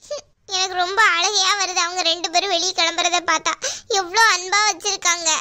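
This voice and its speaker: Tearful jealous young woman in a cartoon, voiced by a woman, high and bright. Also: level tone, a little fast, heavily acted. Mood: complaining. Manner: complaining, pleading. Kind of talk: cartoon voice acting.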